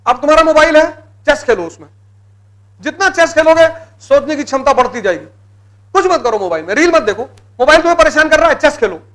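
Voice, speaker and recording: Very high-pitched male motivational lecturer. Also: animated, brisk, fairly bright tone. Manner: exhorting, blunt commands, repeats key words. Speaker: motivational speaker for exam students.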